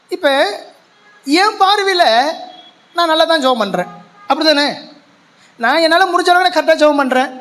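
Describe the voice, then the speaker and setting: High-voiced pastor preaching in Tamil Nadu Tamil. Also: male voice, a bit bright. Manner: earnest storytelling with rhetorical questions and repetition. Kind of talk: sermon. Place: large church hall.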